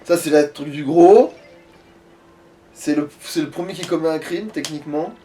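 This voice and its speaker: A man with a fairly high, dark-toned voice hosts a casual let's-play, talking at a moderate pace. He chats crudely and swears while he plays, with faint noise in the background.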